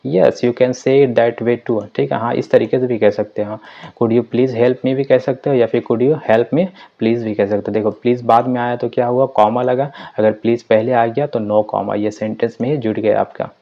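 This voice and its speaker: A man teaching a spoken language lesson. He reads each example sentence slowly and then explains it patiently, again and again. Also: mid-range voice, steady tone, vocal fry, dull audio. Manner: patient, repetitive explaining with frequent "theek hai". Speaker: English teacher.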